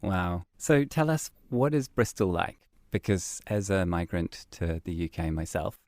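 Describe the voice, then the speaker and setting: A man's voice: sits low, darkish tone, dry recording, studio quality. A man hosting a podcast, welcoming a guest and asking questions in an upbeat manner. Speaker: podcast host. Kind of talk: casual podcast interview.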